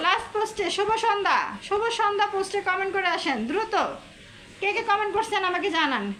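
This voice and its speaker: A woman's voice: extremely high pitch, fast, bright, forceful tone, a little hiss or hum. A woman from Bangladesh, hosting a casual live stream, chatty and repetitive as she teases her viewers. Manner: chatty, repeats herself, teasing viewers.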